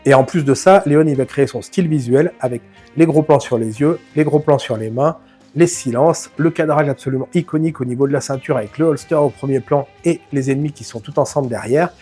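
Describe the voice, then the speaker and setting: A man who hosts a film channel chats informally to camera about a classic film, addressing the viewer casually and making self-mocking jokes. His medium-pitched voice is fairly quick, dark-toned, and breathy-edged, with faint music behind.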